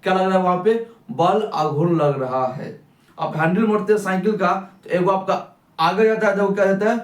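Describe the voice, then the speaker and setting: A young man teaches a physics class in a high-pitched, fairly quick voice, repeatedly asking questions and answering them himself. The room is echoey and the mic sits at a distance.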